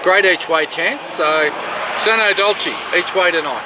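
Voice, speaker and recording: A man's voice: high voice, measured pace, distant mic, noisy background. An Australian man hosting a casual, frank chat about his racehorses. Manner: frank, matter-of-fact horse talk. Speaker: racing syndicate host.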